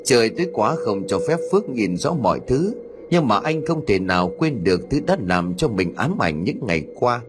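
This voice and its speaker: A man narrating a horror story as an audiobook reader, in an expressive storytelling way. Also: lowish voice, moderate pace.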